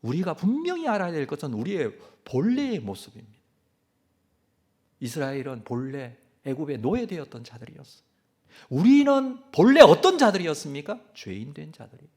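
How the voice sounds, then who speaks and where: A man's voice: a little high, big pitch swings, normal speed, a little mellow. A male pastor preaching a sermon who asks his listeners questions and then answers them himself.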